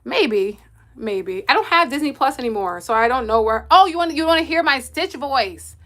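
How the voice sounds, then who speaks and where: Brief: bright, high-pitched woman, friendly chatty livestream host reading comments, quick laughs. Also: expressive. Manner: chatty, laughs often, answers viewers directly. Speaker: livestream host and kids' coach. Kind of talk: casual live-stream chat reading comments.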